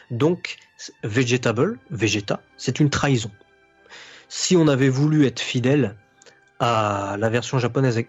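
Heard through a dull lo-fi recording, a man with a husky, mid-range voice appears as a podcast guest. A YouTuber who analyses anime, he lays out his opinions at length in a casual discussion, often using fillers and restarting.

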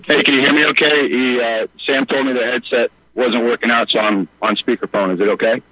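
A man's voice: mid-range voice, fairly even intonation, fairly quick, sharp tone, no room sound. A middle-aged man calling into a radio show on a buzzy speakerphone, talking in an earnest, rambling way. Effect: speakerphone call. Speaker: caller. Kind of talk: call-in radio talk. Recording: muffled speakerphone call on radio.

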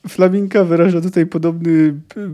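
A man reading a novel aloud and pausing for thoughtful, casual commentary with fillers. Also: a little high, fairly even intonation, dark tone. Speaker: podcast host reading a book.

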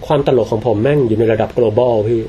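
A man's voice: mid-range voice, fairly quick, warm tone, a little hiss or hum. A young man from Northeast Thailand, a podcast guest telling casual stories with frequent laughs and self-mocking asides. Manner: laughs through his anecdotes, chatty and self-mocking. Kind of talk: casual storytelling.

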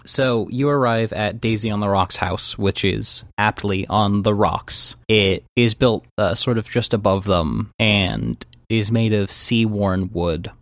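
A man narrating a tabletop role-playing game as game master, calm and descriptive with small fillers. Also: fairly low pitch, measured pace, few pauses, no room sound.

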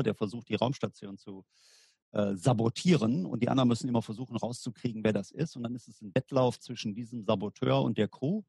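Recorded with clean studio sound and no echo, this man has a mid-range voice that is creaky, dark, and husky. He's a German war gaming lecturer guesting on a podcast interview, describing his field at length in a hesitant, filler-heavy way.

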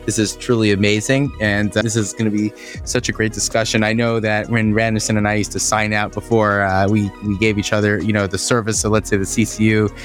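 Chatty, low-voiced man co-hosting. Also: level tone, brisk, soft background music. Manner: enthusiastic, chatty. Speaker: podcast co-host. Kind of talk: casual chat.

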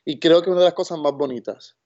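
A man working as a theater's communications director, speaking earnestly and deliberately in an interview. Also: a little high, darkish tone. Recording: dull lo-fi sound.

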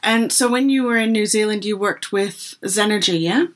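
A woman's voice: medium pitch, moderate pace. Woman podcast host, encouraging. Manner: encouraging, short affirmations. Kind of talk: casual interview.

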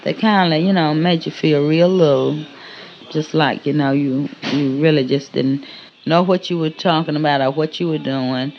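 A woman's voice: sits low, steady tone, normal speed, highs cut off, slight background noise. A woman, a former cafeteria worker telling her story in a plain-spoken oral-history interview. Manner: plain-spoken, acts out quoted voices.

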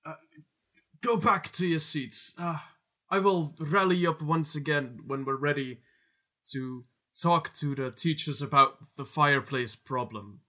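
A man playing an earnest young student rabble-rouser in a tabletop game, addressing a crowd haltingly. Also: a little high, pushed and bright. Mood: placating.

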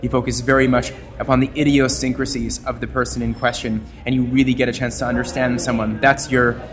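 A man from Canada, a journalist and podcaster, talking at length as an interview guest, with a wordy, expressive manner that plays with his voice. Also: mid-range voice, brisk, over music. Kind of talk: casual interview talk.

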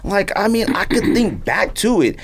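In a podcast studio, a middle-aged man hosting a sneaker podcast talks at a normal speed in a high-pitched, sing-song voice. His delivery is casual and emphatic, and he rambles and repeats himself to drive his opinions home.

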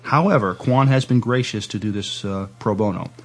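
With a lowish voice, a man hosts a casual, playful podcast interview. He speaks politely and a bit haltingly, playing along with his guest.

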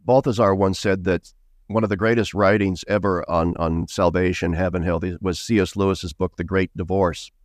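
A man's voice: sits low, fairly even intonation, moderate pace, dry recording, clean studio sound. A middle-aged man speaking as a guest author in an interview, earnest and emphatic, with bursts of raised emphasis. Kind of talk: interview conversation.

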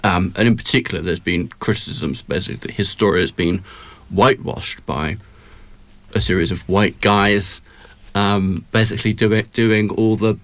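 A man with a fairly low voice reviews a film in conversation. He sounds wry and somewhat hesitant, like a critic thinking aloud. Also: normal speed, dry recording.

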